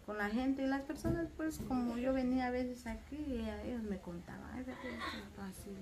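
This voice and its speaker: A woman's voice: fairly high pitch, fairly quick, noisy background. A woman, telling her family story in a casual interview and acting out many quoted exchanges. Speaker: interviewee, mother.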